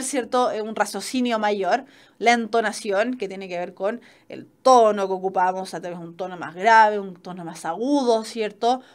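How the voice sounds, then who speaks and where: A woman teacher with a Chilean accent delivers an online lesson in a slightly high voice. She explains patiently and keeps checking that students follow. Her pacing is unhurried and instructive. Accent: Chilean Spanish. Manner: explanatory, frequent "¿cierto?" checks. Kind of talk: online class lecture.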